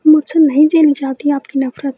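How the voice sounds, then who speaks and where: A gentle young woman, hurt and pleading, apologising softly, as a woman storyteller voices her. Her voice is high yet even and mellow, recorded dull and lo-fi. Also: a little slow, no room sound.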